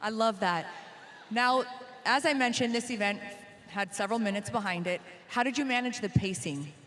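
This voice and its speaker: A woman's voice: on the high side, normal speed, fairly bright tone, long reverb tail. A woman doing an upbeat sideline interview with an athlete after an event.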